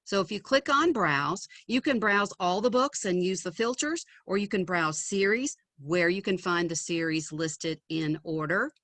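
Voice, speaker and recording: Chatty low-pitched woman leading a webinar. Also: animated, unhurried, few pauses, fairly bright tone, no room sound. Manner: upbeat, chatty, with frequent ums. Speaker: presenter demonstrating an educational website. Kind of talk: screen-share webinar demo.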